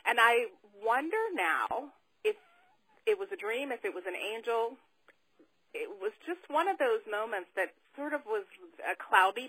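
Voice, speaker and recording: A woman's voice: mid-range voice, sharp tone, breathy edge, no room sound, low-quality recording. A woman author, a guest on a podcast, telling a personal story in a heartfelt, reflective way.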